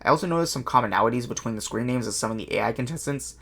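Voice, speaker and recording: A man narrating a casual video with a quick, self-mocking, chatty delivery. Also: mid-range voice, expressive, fairly bright tone. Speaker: YouTuber and documenter.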